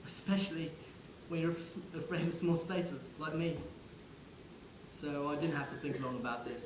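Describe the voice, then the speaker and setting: A man's voice: on the high side, normal speed, roomy sound, noisy background, close to an everyday voice. A man playing the ghost of a young soldier from the First World War, who speaks wryly and directly to the listener. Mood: wistful. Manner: wry, conversational, addresses the listener directly. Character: ghost of a young English WWI soldier, wry. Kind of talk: theatrical monologue.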